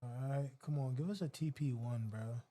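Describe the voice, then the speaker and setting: A man's voice: medium pitch, moderate pace, mellow. A man hosting a trading livestream, giving casual, slangy live commentary and talking to his chat.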